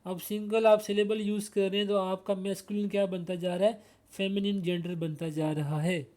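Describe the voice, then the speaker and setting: A man's voice: high-pitched, level tone, normal speed, darkish tone. A man with a Pakistani accent teaching English grammar, explaining word pairs and asking himself rhetorical questions. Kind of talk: explanatory lesson.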